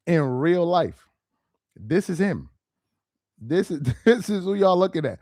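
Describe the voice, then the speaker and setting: Speaking slowly in a slightly high voice, this young livestream host of Nigerian heritage talks straight to his chat. He reads out viewers' comments, laughing and getting exasperated in an animated, casual way. The audio is studio quality with no room sound.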